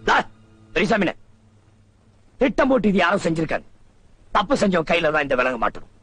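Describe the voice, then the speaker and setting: An actor playing a proud, quick-tempered village landlord, defiant toward police and gruff with his wife. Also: high voice, sing-song, a bit bright, dry recording, soft background music, full character voice. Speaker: village landowner held at the police station.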